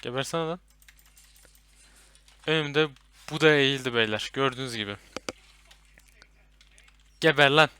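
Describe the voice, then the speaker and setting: A young man playing a horror game with a friend, commenting and swearing loudly at the enemies. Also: medium pitch, moderate pace, long pauses, clean tone, no room sound. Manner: loud, swearing, yelling at enemies. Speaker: gaming YouTuber.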